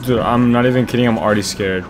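A young man at home casually commentating a horror game, excitable and jumpy, with lots of slang. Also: mid-range voice, quick pace, noisy background. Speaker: gamer. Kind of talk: let's-play commentary.

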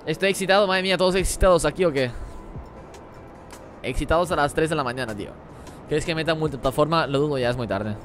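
Fast-talking gaming streamer, man. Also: on the high side, soft background music. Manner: rapid-fire talk while reading chat. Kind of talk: live gameplay stream chat.

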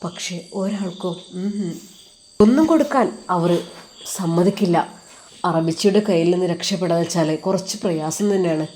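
A woman's voice: lowish voice, moderate pace, mellow, slight background noise. A woman with a Malappuram Malayalam accent narrating an Islamic story in an earnest, heartfelt way.

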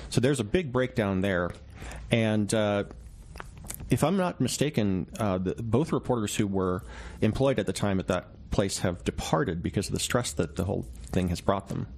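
Speaking as a guest in an interview, a man with a fairly low, slightly mellow voice lays things out in a relaxed, measured manner, carefully qualifying every detail the way a journalist would.

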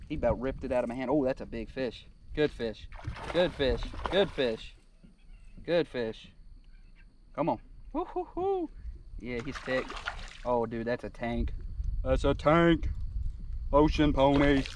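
A young man filming himself while fishing from a kayak on a pond, chatting casually, talking to the fish and whooping with excitement when one bites. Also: mid-range voice, measured pace, long pauses. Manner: laid-back, folksy, talks to the fish. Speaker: angler filming his own fishing trip. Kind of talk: casual outdoor commentary. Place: outdoors on a pond, standing in a kayak. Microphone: action camera on the boat. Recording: distant camera mic with wind and water noise.

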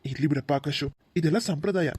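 A man voicing a tender older brother in a cartoon, speaking softly and emotionally as he gives his sister away. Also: fairly high pitch, a little fast, husky. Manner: gentle, soft-spoken, emotional pleading. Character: grown man, tearful loving older brother of the bride.

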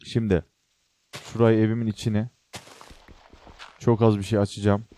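Young man, casual let's play host, chatty and joking, lowish voice, mellow tone. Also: level tone, moderate pace, slight background noise. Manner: chatty, talks to viewers and the game, jokey exclamations. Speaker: gaming channel host.

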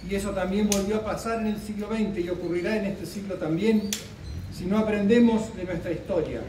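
A man's voice: sits high, fairly even intonation, noisy background. Solemn middle-aged man at a podium. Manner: measured, solemn delivery with deliberate pauses. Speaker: official speaker at a commemoration. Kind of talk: formal speech read from notes. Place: outdoor park gazebo at a ceremony. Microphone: podium microphone, recorded from a distance. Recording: roomy, distant open-air sound.

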